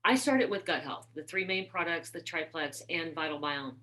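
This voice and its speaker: Animated woman host, low voice. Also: moderate pace, a little hiss or hum, low-quality recording. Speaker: event host. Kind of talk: casual testimonial talk.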